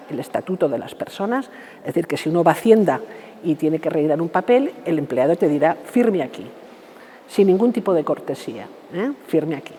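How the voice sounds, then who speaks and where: A woman's voice: lowish voice, dark tone, big-room sound, slight background noise. A woman, a university researcher answering interview questions in a didactic way and acting out example phrases. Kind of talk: explanatory radio interview answers.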